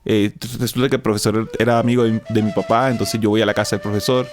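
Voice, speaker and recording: A Colombian man, a musician guest in an interview, telling his story in a relaxed, hesitant way with many fillers and restarts. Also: on the low side, fast, music in the background.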